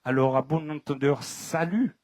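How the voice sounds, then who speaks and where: A man giving voice to a small, put-upon male snake in a spoken folk tale, loud, plaintive and indignant, with a French Caribbean accent. His voice is pitched a little higher than usual. The recording is close and dry. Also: measured pace, no echo, close to an everyday voice. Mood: warning.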